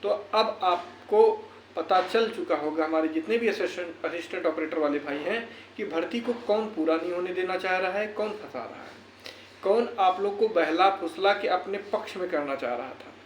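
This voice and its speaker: In an earnest motivational talk, a man who is a YouTuber and educator exhorts his viewers and repeats phrases to drive points home. He has a high-pitched voice and a moderate pace, and the echoey room carries faint background noise.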